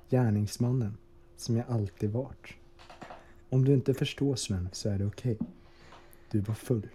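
A man's voice: medium pitch, dark tone, husky. A man hosting a podcast, reading in a pompous, mock-dramatic storyteller tone over a video call. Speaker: podcast host. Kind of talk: mock-dramatic reading, then casual chat.

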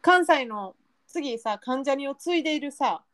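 A woman's voice: high-pitched, expressive, moderate pace, a bit bright, dry recording. A young woman with a Kansai accent, co-hosting a casual chat podcast and laughing often. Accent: Kansai Japanese. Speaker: podcast co-host.

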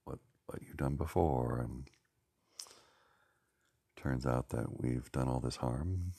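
A man musing slowly and haltingly, searching for words with many pauses and fillers. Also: extremely low pitch, vocal fry, mellow, slightly rough, no room sound, studio quality. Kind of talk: rambling reflective talk.

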